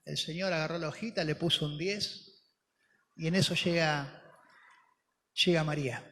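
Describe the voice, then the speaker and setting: A man preaching a sermon as pastor, telling the story dramatically and moving from soft, slow words to emphatic ones. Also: on the high side, fairly even intonation. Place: church hall. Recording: long hall reverb.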